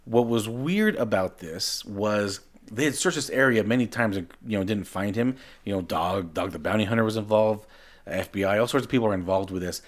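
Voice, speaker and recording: A man's voice: fairly low pitch, a little fast. A man co-hosting a podcast in casual chat, talking animatedly and often repeating words as he restarts. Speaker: podcast co-host.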